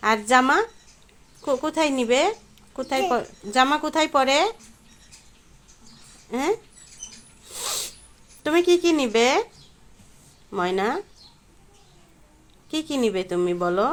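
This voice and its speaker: A woman's voice: high-pitched, animated, takes it slowly, long pauses, slight background noise. Sing-song woman coaxing a toddler. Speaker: parent filming a toddler. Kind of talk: home video chat with a small child.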